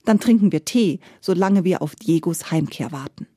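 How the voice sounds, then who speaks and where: A woman voicing a clever, kindly young mother in a fairy tale, speaking gently and soothingly. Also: fairly low pitch, expressive, moderate pace, breathy edge, no room sound, clean studio sound. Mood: gentle, sly.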